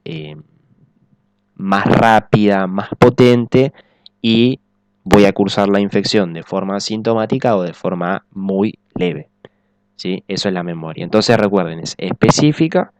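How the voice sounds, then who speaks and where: A man's voice: low voice, moderate pace, a little mellow, clean tone, no room sound. A man giving a recorded biology lecture, explaining step by step and checking in often with the class. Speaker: teacher.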